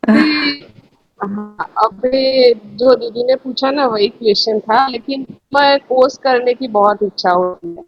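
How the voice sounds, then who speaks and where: A woman asking a question over an online call whose connection keeps breaking up, speaking in halting, broken-off phrases. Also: fairly high pitch, highs cut off, faint music behind. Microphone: video call.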